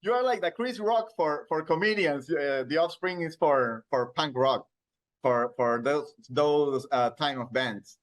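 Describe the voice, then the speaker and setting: This is a male radio interviewer in his thirties, Peruvian Spanish accent audible, whose relaxed questioning is marked by hesitation as he reaches for words in a second language. His pitch sits on the high side and his pace is a little slow.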